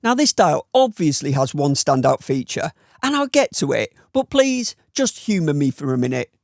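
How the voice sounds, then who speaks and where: A man's voice: on the high side, very animated, normal speed, gravelly, no room sound. A man with a Northern English accent giving a scripted watch review voice-over in a dry, wry, opinionated way. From Northern England.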